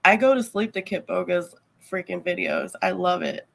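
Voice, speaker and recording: Creaky-voiced woman chatting casually. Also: fairly low pitch, moderate pace, rough recording. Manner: rambling, heavy on fillers like "like" and "man". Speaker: livestreamer chatting with viewers. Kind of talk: casual chat.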